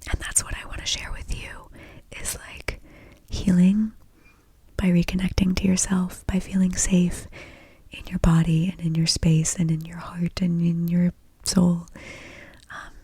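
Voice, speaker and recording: A woman speaking in a soft, breathy ASMR whisper, gently confiding in a casual, meandering stream of thought. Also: fairly low pitch, completely flat delivery, measured pace, no room sound. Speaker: host of an ASMR podcast.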